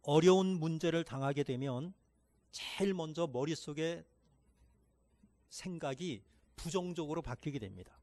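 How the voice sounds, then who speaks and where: A pastor with a fairly high voice preaches a sermon, reading scripture aloud slowly and with emphasis. He leads the congregation in reading together and makes quiet asides between passages.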